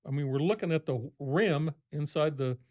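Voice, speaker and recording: This podcast guest has a fairly high, darkish-toned voice and a moderate pace. He tells a long, rambling story in a relaxed way, raising his voice to act out what others said.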